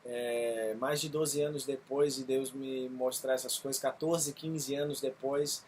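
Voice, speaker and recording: A missionary pastor tells his testimony earnestly, often pausing on fillers. His voice sits at an ordinary pitch for a man. A faint hiss of room noise stays under his words. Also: steady tone, a little mellow. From Brazil. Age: 30s. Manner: earnest, halting with frequent fillers. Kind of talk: testimony video.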